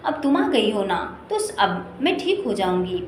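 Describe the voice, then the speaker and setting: A woman voicing a sick, sad mother who speaks softly and tiredly. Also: mid-range voice, big pitch swings, measured pace. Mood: weary. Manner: soft, subdued, tired. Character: ailing sad mother, quietly weary. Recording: echoey room with faint noise.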